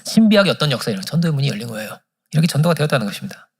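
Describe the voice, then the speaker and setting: A male pastor delivers a midweek sermon in a church with quick, lively delivery. His voice is somewhat husky and sits a little high. He acts out the prayers and dialogue of his story as he goes. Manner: animated storytelling, acting out quoted prayers. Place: church sanctuary.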